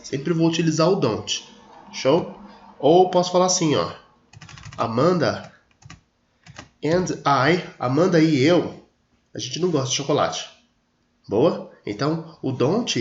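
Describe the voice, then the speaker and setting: A man teaching an English grammar lesson, explaining patiently, stretching his example sentences and checking in with his students. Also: fairly high pitch. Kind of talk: screen-recorded grammar lesson. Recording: echoey room, dull lo-fi audio.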